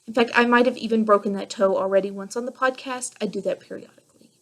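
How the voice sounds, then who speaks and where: A woman's voice: mid-range voice, fairly even intonation, fast, a bit bright. A woman in her thirties hosting a solo podcast, chatting in a rambling, enthusiastic way. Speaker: podcast host. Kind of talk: casual solo podcast chat.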